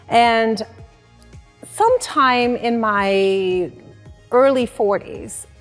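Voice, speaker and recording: A woman's voice: mid-range voice, in a large hall. A woman in her forties from the Dominican Republic, a life coach, telling her life story in an earnest, reflective way. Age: 40s. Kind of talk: personal story in an interview.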